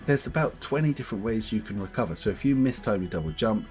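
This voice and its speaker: A man co-hosting a podcast, chatting casually about games, animated and laughing often as he talks. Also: fairly low pitch, quick pace, soft background music. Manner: animated, laughs often, puts on voices to mimic others. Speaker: podcast co-host.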